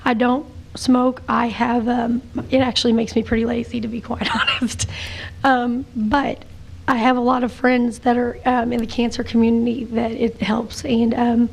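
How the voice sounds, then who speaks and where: Woman at the podium, voice going, gravelly and monotone, lots of ums. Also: a little high, moderate pace. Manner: hesitant, many fillers and restarts. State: losing her voice. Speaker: public commenter. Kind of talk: public comment at a city meeting.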